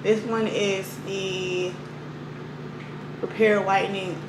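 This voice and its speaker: A woman in her twenties speaks slowly in a mid-range, level voice during a casual, informal vlog chat with her viewers. She records indoors in a parked car and a room at home, with the camera close by or at arm's length, so ambient noise comes through.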